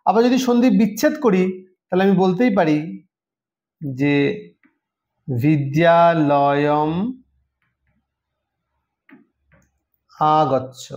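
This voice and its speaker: High-voiced male teacher, echoey room. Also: lively intonation, normal speed, long pauses, mellow. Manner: explains step by step, often checks understanding. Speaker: Sanskrit teacher for exam preparation. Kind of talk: online lesson. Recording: roomy echo.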